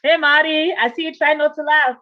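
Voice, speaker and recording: A woman hosting a live webinar over a video call, energetically greeting viewers by name and laughing often. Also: high voice. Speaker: webinar host. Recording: muffled lo-fi video call audio.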